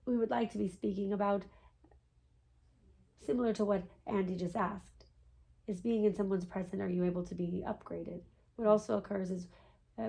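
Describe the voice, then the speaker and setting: A patient, knowing spirit guide speaks through a seance medium , played by a woman. The voice is creaky and mid-pitched for a woman. The phrasing is formal and stilted, often closing on a questioning tag. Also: darkish tone, close to an everyday voice. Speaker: trance channeler answering a client's questions. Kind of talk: seance medium channeling session.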